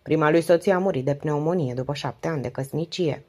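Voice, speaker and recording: A woman's voice: sits low, warm tone. A woman reading the part of a devoted, weary wife in her late forties who confides in long, flowing speech. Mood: confiding. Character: 48-year-old wife, talkative, devoted, weary.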